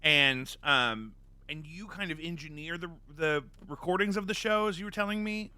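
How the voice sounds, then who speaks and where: Bright-voiced podcast host, eating on air. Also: male voice, fairly high pitch, normal speed, clear, resonant tone. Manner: joking, rambling questions with fillers. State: eating during the show. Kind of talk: casual interview chat.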